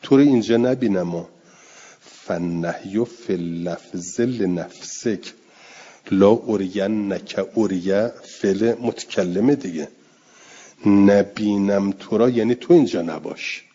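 Low, husky man teaching grammar. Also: mellow. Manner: reads Arabic phrases then explains them, drawing out repeated words slowly. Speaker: teacher of Arabic grammar and Quran exegesis. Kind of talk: classroom lecture reading and explaining an Arabic text. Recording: dull lo-fi classroom recording.

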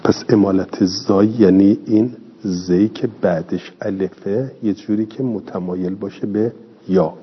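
A man's voice: sits low, fairly even intonation, husky. A man teaching a classroom lesson, explaining step by step and answering his own questions. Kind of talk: classroom lecture. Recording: dull lo-fi recording in a reverberant hall.

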